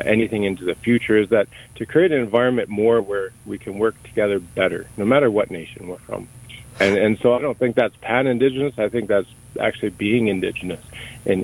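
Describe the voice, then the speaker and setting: In a conversational interview, a middle-aged man from Canada speaks as the guest in a lowish voice. His answers are thoughtful and searching, full of restarts and repeated words, and the audio is poor.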